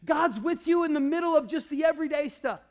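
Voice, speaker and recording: A male pastor preaching a sermon, calling out to the congregation and swinging between loud declarations and hushed, low passages. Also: fast talker. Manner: calls out to the congregation.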